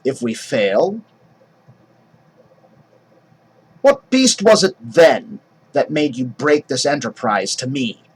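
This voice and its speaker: A man reading a scheming noblewoman's speech aloud in his own husky voice, as a classroom demonstration. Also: mid-range voice, very animated, a little slow, low-quality recording. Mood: measured. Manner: plain classroom reading of verse. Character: scheming noblewoman urging her husband.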